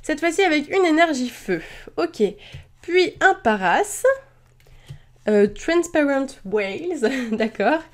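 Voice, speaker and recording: A young woman chatting casually as she opens trading card packs at home, hesitant and full of fillers but excitable. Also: sits high, a little slow. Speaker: YouTuber opening trading cards. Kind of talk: casual card-opening commentary.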